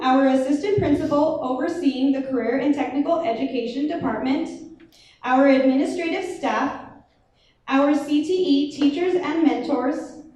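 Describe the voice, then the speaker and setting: A woman's voice: sits high, a little mellow. A woman emceeing a school honor society induction, reading formal announcements. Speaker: ceremony emcee. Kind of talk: scripted ceremony announcing. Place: large echoey hall. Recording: echoey hall from far off, faint noise.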